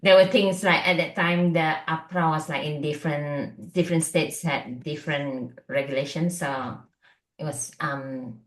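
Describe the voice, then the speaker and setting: Middle-aged Malaysian-born woman, low voice, chatty guest doctor, roomy sound. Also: fairly even intonation, measured pace. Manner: chatty, lots of fillers and likes. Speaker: functional medicine doctor, guest. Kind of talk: casual interview chat.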